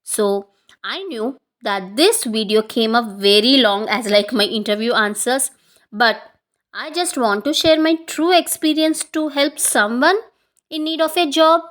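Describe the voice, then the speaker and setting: High-pitched South Indian woman giving advice. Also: measured pace, fairly bright tone. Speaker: career advice video creator. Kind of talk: instructional monologue to viewers.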